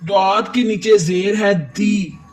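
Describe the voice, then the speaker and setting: High-voiced man patiently teaching recitation. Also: recorded from a distance, music in the background. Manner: patient, methodical, repeats words slowly for drilling. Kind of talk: step-by-step tajweed lesson.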